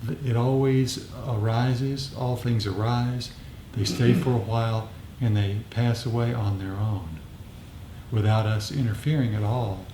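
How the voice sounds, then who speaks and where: His medium-pitched voice is dark and steady, delivered at a measured pace, as he leads an informal talk among a meditation group. He reflects as he explains, often repeating phrases. The meeting room sounds echoey, with faint noise in the background.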